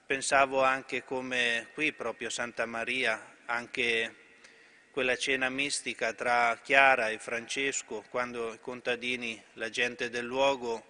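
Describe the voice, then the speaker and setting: Slow, bright-toned priest giving a homily. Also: male voice, medium pitch, little pitch movement. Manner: slow, halting with restarts. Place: church.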